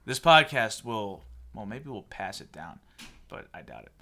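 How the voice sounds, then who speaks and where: A man's voice: fairly low pitch, sing-song, measured pace, creaky, bright, forceful tone. A man in his thirties hosting a casual sports podcast, opinionated and sarcastic as he rants. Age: 30s. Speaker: podcast host.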